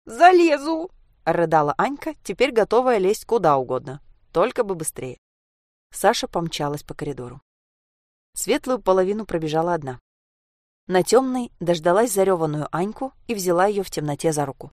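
Woman narrator, lower voice, dry close read of a story. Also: animated, fairly quick, darkish tone, dry recording. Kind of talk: audiobook story reading.

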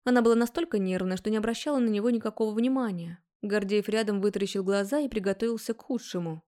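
A young woman narrating a first-person story, brisk and wry. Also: medium pitch, warm tone.

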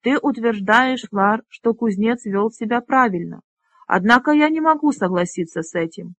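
An audiobook reader voicing an elderly male dragonrider leader in a stern, deliberate manner. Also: medium pitch, a bit bright, dry recording.

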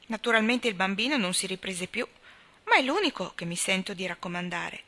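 A woman's voice: medium pitch, lively intonation, brisk. A woman reading an audiobook, voicing a blunt, opinionated older spinster who scorns men. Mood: tart. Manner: tart, opinionated, sharp-tongued.

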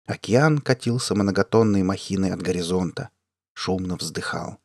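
A man reading a science fiction story aloud as an audiobook narrator, in an even, measured way. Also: low voice. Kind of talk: scripted narration.

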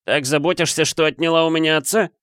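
A man's voice: on the high side, steady tone, fast talker, fairly bright tone, clear, resonant tone, no echo, clean studio sound, pitched above the performer's own voice, lightly acted. Man playing a cold, bitter young boy. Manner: harsh, accusing. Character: bitter, cold eleven-year-old boy.

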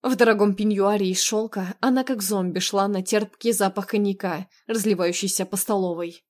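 A woman narrates an audiobook in the first person. Her reading is expressive and dramatic, at a medium pitch. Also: moderate pace.

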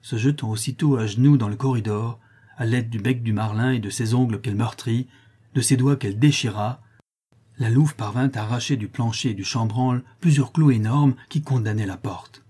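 A man narrating a classic novel as an audiobook in a measured, steady reading style. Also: medium pitch, slightly rough. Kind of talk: scripted narration.

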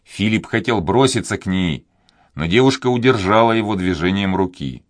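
A man narrating an adventure novel in a measured, even reading voice. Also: deep voice, no room sound, clean studio sound. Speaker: audiobook reader. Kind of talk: scripted narration.

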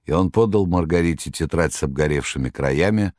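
A man narrating an audiobook in a measured storytelling manner. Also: extremely low pitch, a little mellow, dry recording, clean studio sound.

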